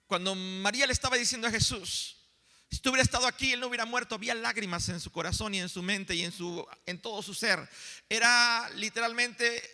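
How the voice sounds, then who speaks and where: A man preaching a sermon as pastor, building emphasis and slowing down for dramatic pauses. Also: sits high, pushed and bright. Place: church. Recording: long reverb of a church hall.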